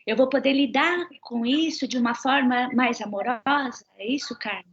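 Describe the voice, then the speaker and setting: Gravelly woman host asking questions. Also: high voice, moderate pace, dull audio. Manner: asks guiding questions and sums up. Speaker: host and moderator. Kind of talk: live online health talk.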